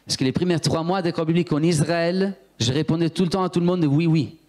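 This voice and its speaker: Animated preacher man. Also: a little high, fast. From Italy. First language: Italian. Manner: animated storyteller, acts out voices, talks to the congregation. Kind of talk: sermon with personal testimony.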